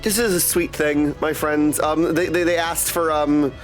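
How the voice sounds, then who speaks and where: In a rough recording with soft background music, a high-voiced male game streamer talks a little slowly in a steady tone. He chats casually to viewers, goofy and theatrical, making up silly words and addressing them over and over as "my dudes" and "my friends." The setting is an indoor desk streaming setup with a streamer microphone and headset.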